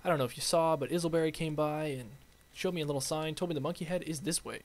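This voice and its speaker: Excitable young man narrating his game. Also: a little high, fast. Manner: chatty, excitable, rambling. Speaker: game video host. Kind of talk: playful let's-play commentary.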